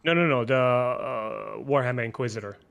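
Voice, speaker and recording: A man with a Russian accent in a casual gaming chat, relaxed and full of questions. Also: medium pitch, normal speed, creaky, muffled recording, a crowd in the background. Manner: relaxed, asks lots of questions.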